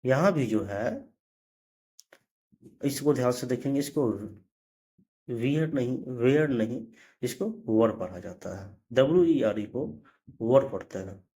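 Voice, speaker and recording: Slow, patient male pronunciation teacher. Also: medium pitch, lively intonation, darkish tone. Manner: spells words letter by letter, then says them slowly; corrects himself mid-lesson. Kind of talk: slow explanatory lesson.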